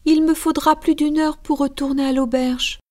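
A woman's voice: high-pitched, level tone, normal speed, a little mellow, lightly acted. A woman voicing a timid eight-year-old servant girl in an audiobook, with a small, meek voice. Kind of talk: audiobook drama acting.

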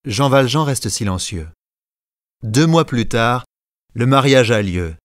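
A man narrating a classic story in a measured reading, giving short lines to the characters. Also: medium pitch, lively intonation, no room sound, clean studio sound. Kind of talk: scripted narration.

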